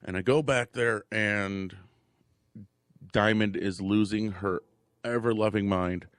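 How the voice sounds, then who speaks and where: A man's voice: fairly low pitch, steady tone, slow, no room sound, clean studio sound. Laid-back man telling a story. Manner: laid-back, wry, conversational. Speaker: podcast co-host. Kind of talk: casual storytelling.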